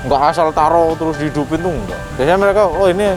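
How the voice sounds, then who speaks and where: A man's voice: a little high, fast. A man talking casually and informally as he explains car audio like an experienced hand. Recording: loud music under the talk.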